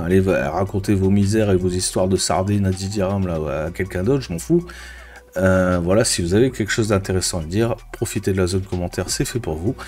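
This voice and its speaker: Low-voiced man ranting crudely. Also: darkish tone. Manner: crude, exasperated, full of fillers like "tu vois". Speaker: YouTuber and business coach. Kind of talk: casual ranting vlog to camera.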